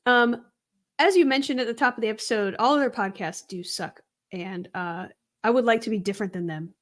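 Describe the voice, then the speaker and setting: A woman's voice: on the high side, brisk. A young adult woman co-hosting a true crime podcast, chatting casually with lots of ums and easy laughter. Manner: giggly, filler-heavy, easygoing. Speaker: podcast co-host.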